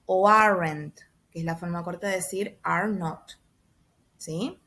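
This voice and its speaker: A woman teacher explaining a grammar exercise step by step, patiently, with frequent soft checks for understanding and slowly spelled-out examples. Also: lowish voice. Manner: spells out letters and stretches example sentences. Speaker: English teacher. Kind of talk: recorded class explanation.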